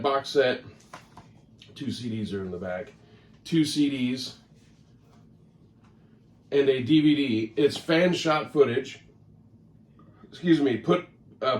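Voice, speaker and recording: In this casual to-camera vlog, the man's medium-pitched voice has a darkish tone as he chats about his record collection. He wanders off topic and corrects himself frequently, and a far-off mic makes the room audible.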